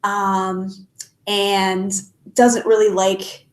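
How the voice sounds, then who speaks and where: A young adult woman, stuffed up and sniffly, chats casually on a YouTube live stream, answering chat questions with many ums and restarts. Her medium-pitched voice is level in tone and extremely slow. The room sounds echoey.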